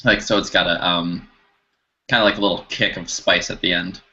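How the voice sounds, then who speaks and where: Bright-toned man describing a beer. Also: low voice, steady tone, fairly quick, lo-fi sound. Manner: searching for words, hesitant fillers. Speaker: beer review podcast co-host. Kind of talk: casual beer tasting chat.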